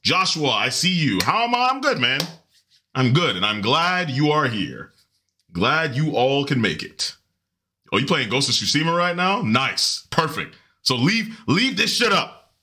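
Animated guy on a stream mic, high-ish voice, laughs a lot, chatting to his viewers. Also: unhurried. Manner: animated, laughs often, greets chat by name. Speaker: podcast and stream host. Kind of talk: casual livestream chat.

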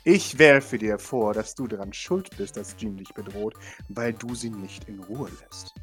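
A man's voice: fairly low pitch, measured pace, soft background music, lightly acted. A man playing a stern male authority figure in a tabletop role-play, controlling and pressing for agreement. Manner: controlling, repeats the name, demands agreement. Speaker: game master.

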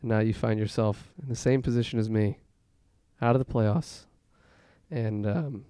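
A man's voice: lowish voice, fairly even intonation, normal speed, mellow, clear, resonant tone, no echo, clean studio sound. A man hosting a casual sports talk, asking questions and bantering in a hesitant, wry, teasing manner. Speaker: host of a fantasy football league podcast.

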